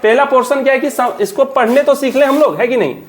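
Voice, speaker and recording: A woman teaching an English reading lesson, spelling words letter by letter and drilling pupils with repeated questions. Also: high-pitched. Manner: drills students with repeated call-and-response questions; reads English slowly word by word. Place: classroom. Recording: noisy classroom crowd. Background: class of children responding.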